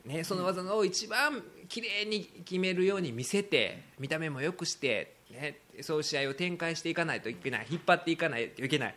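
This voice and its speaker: A man with a Kansai accent, hosting a podcast in casual talk, animated and quick to laugh while he quotes others. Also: on the high side. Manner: animated storytelling, laughing often, quoting others. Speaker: podcast host.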